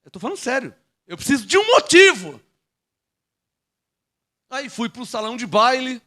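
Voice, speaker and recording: A man with a Brazilian Portuguese accent preaching a lively sermon in church, joking with the congregation one moment and shouting proclamations the next. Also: very high voice, normal speed. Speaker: pastor.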